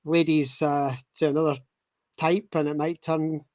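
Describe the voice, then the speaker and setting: A man's voice: a little high, flat delivery, moderate pace, darkish tone, no echo. A Scottish man in his thirties, guest-hosting a casual podcast chat, joking and rambling with lots of fillers. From Scotland. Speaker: guest host.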